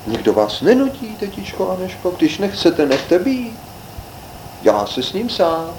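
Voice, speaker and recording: A man's voice: sits high, big pitch swings, echoey room, noisy background, voice pushed up. A man voicing a small greedy boy in a storybook tale, boasting in a sing-song way. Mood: cheeky.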